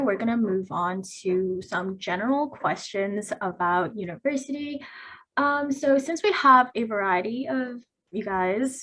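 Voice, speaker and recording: A woman's voice: medium pitch, fairly bright tone. A young woman who moderates a student panel on a video call, friendly and organized.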